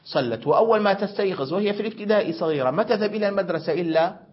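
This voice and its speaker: A middle-aged man teaches a religious grammar lesson and weaves stories in, often asking a question before he answers it. His voice sits somewhat higher than most men's. The recording is dull and muffled. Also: very fast. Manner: explanatory, asks questions then answers them.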